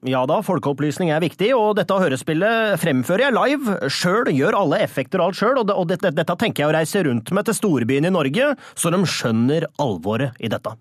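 Man doing a husky, overexcited small-town politician, high voice leaping wildly, roaring melodrama. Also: expressive, hardly any pauses, no echo, studio quality. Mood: earnest. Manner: wildly melodramatic, roaring animal noises and sound effects. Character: bumbling rural male politician, overzealous anti-wolf crusader. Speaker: local party leader. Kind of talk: comedy sketch, mock radio play.

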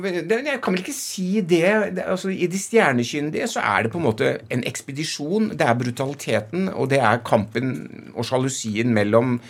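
A man with an Oslo Norwegian accent, a novelist talking in an interview in an effusive, emphatic way with halting repetitions. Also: fairly high pitch, breathy edge. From Oslo west, Norway. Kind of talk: animated conversational interview.

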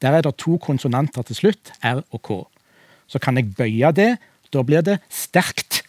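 A man's voice: mid-range voice, expressive, a little mellow, dry recording. A man, a language expert on a radio talk show, explaining pronunciation methodically with worked examples. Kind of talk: radio discussion.

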